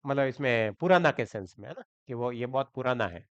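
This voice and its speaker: A man's voice: medium pitch, animated, brisk, no room sound, muffled recording. A man teaching English grammar, explaining step by step, spelling words out letter by letter and often asking his students if they follow. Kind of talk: Hindi-language grammar lesson.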